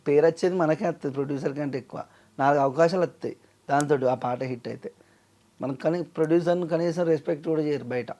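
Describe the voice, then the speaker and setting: A man's voice: fairly high pitch, quick pace, dark tone. A man, a singer and lyricist talking earnestly in an emotional interview. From Telangana, India. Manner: earnest, pleading, acts out quoted dialogue.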